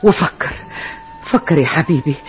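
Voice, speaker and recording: A woman's voice: low voice, lively intonation, moderate pace, muffled recording, faint music behind. An actress playing a caring older sister who coaxes and encourages her brother in a tender way, with an Egyptian accent, as in a 1960s Egyptian radio drama. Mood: coaxing.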